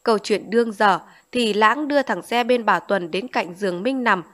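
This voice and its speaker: A woman reading a novel aloud as an audiobook narrator, in steady storytelling. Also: medium pitch, moderate pace.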